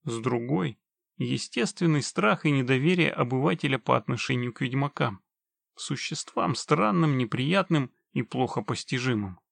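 Gravelly male audiobook narrator. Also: mid-range voice, no room sound. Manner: steady, measured storytelling.

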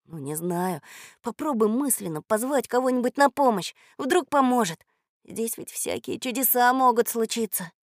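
A woman voicing a timid, hungry young boy in a hushed whisper, as whispered role-play. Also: a little high, expressive, normal speed, no echo, clean studio sound, lightly acted. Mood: anxious.

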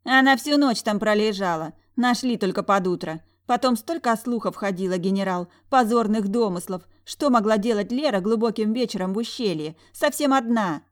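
A woman's voice: medium pitch, moderate pace, hardly any pauses, pitched above the performer's own voice, natural voice. A woman voicing a sneering young noble twin sister who snorts her gossip in an audiobook. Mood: scornful.

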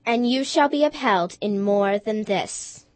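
A woman reading a Christmas tale, voicing a gentle, otherworldly spirit in a calm, measured way. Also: medium pitch, no room sound, close to an everyday voice. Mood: solemn.

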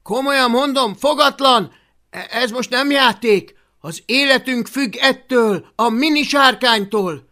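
An audiobook reader voicing an eager young viking boy hero who talks loudly and urgently. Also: mid-range voice, pitched above the performer's own voice, lightly acted. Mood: urgent shouting. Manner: loud, urgent, flattering.

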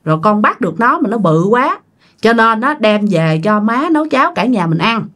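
Woman voicing a stubborn farmer son, insistent, lively, fairly high voice. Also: moderate pace. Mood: matter-of-fact. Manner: insistent, brushing off worries.

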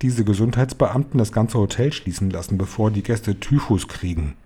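A man's voice: fairly low pitch, normal speed, dark tone, breathy edge. A man voicing a feisty old grandmother who scolds a hotel manager relentlessly, in a raised, indignant voice. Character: stern, feisty old grandmother, sharp-tongued.

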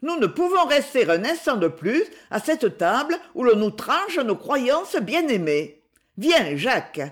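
A woman's voice: high-pitched, very animated, measured pace, voice pushed up. A woman reading aloud voices a proud, devout young woman in an audiobook, cool and firm.

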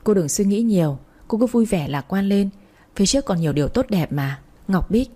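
A woman reading the part of a kind young man who coaxes and pleads gently, in an audiobook. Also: medium pitch, expressive, a little fast, breathy edge. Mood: gentle. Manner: coaxing, pleading.

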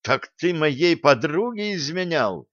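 A man reading an audiobook, voicing a hot-tempered young woman in a raised, high falsetto. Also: very animated, slow pace, a bit bright, dry recording, exaggerated voice. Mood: indignant. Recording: dull dry close recording.

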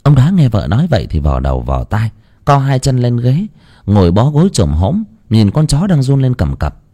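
A man tells a village ghost story. His husky voice rises and falls dramatically as he narrates in a folksy, expressive style. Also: mid-range voice, normal speed.

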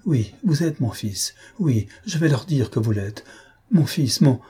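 A man's voice: mid-range voice, moderate pace, warm tone, breathy edge, lightly acted. A man reading a desperate old nobleman pleading. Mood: anguished. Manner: pleading, anguished. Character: aging male nobleman, desperate pleading father.

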